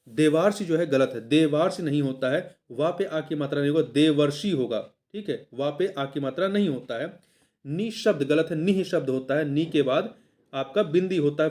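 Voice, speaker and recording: A man's voice: on the high side, a little mellow. A man working through a practice exam, who asks a question, answers it himself and repeats the key word. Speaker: exam tutor. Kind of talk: solving a practice paper aloud.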